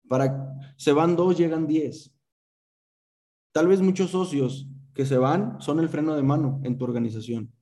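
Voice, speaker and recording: Male motivational speaker, slightly high mellow voice, punchy rhetorical questions, swears for emphasis. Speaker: motivational speaker for a sales team. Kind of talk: motivational speech on a group call.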